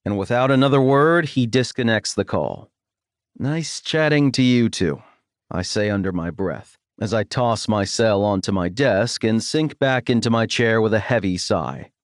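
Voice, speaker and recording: A man narrating a first-person romance audiobook in a wry, expressive storytelling manner on a studio microphone. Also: lowish voice, normal speed, few pauses, dry recording.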